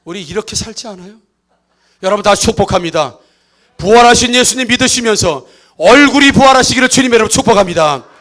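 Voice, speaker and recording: A man preaching a lively Easter sermon as pastor of a church, acting out characters and calling on the congregation. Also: high-pitched, fast. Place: church sanctuary.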